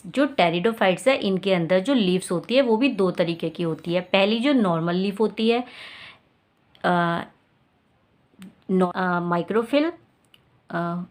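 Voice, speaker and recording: A woman teaching biology, reading each point in English and then explaining it plainly, often asking and answering her own questions. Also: medium pitch.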